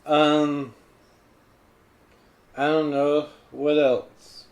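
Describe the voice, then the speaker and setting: A man hosting a casual podcast, talking in a laconic, deadpan, hesitant way. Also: on the high side, extremely slow. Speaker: podcast host. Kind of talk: casual chat.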